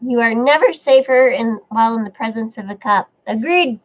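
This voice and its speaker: A woman's voice: fairly high pitch, normal speed. A woman hosting a casual live stream, reading viewer comments aloud and chatting back, with a stuffy nose. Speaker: livestream host reading chat. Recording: dull lo-fi stream audio.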